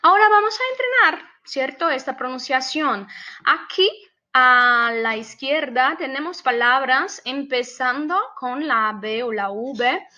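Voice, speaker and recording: Slow, bright Brazilian woman teaching. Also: high-pitched, animated, lo-fi sound. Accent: Brazilian Portuguese. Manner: patient, repeats words and asks for agreement. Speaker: Spanish teacher. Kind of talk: classroom lesson, mixing Portuguese and Spanish.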